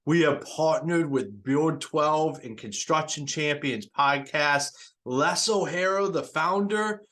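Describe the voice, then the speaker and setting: An upbeat, enthusiastic podcast host introduces his guests and reads his own promotional spots. His voice is on the high side with a fairly bright tone.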